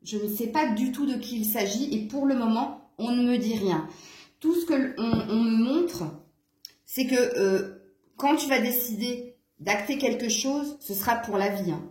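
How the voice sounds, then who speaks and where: A woman's voice: on the high side, measured pace, darkish tone, echoey room. A woman from eastern France with a fading southern French accent, doing a casual, chatty card reading and often breaking off with laughs or to scold her cat. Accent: southern French fading toward Franche-Comté. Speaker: card reader. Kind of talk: casual tarot reading to camera.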